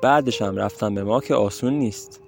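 An actor playing a gentle, affectionate old grandfather in an audio drama. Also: fairly low pitch, gravelly, soft background music. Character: kind, teasing old grandfather.

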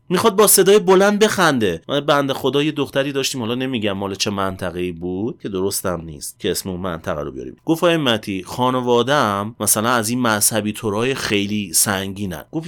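A man's voice: a little high, fairly bright tone. A male counselor giving advice to viewers in a casual monologue, talking straight to the listener and often checking that they follow. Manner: casual, talks straight to the listener with quick rhetorical questions.

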